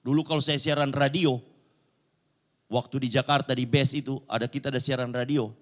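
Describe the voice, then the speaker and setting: A middle-aged male pastor with a Manado accent preaching a sermon in a booming, vibrating voice, blunt and loud, dropping now and then to low asides. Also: fairly even intonation, brisk. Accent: Manado Indonesian. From Manado, Indonesia.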